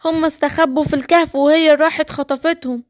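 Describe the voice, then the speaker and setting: A woman's voice: high voice, steady tone, fast, lightly acted. A woman with an Egyptian accent voicing a timid, worried young lion cub. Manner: anxious, calling out.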